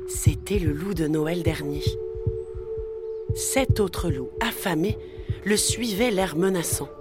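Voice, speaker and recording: A woman telling a children's story in a gentle, measured way. Her voice is low and unhurried, with music playing underneath. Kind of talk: scripted children's story narration.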